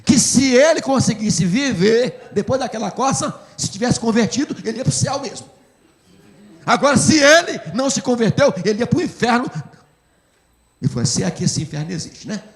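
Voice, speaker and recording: A man's voice: extremely high pitch, lively intonation, normal speed. A man with a Brazilian accent preaching a sermon as pastor, telling an emotional story with emphasis. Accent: Brazilian Portuguese. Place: church. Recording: echoey church hall.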